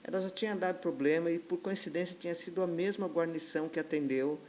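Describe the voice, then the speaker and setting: A woman lawyer with a Brazilian accent, telling an animated story in a podcast interview and acting out the dialogue. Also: on the low side, quick pace, background noise. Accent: Brazilian Portuguese. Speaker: lawyer guest.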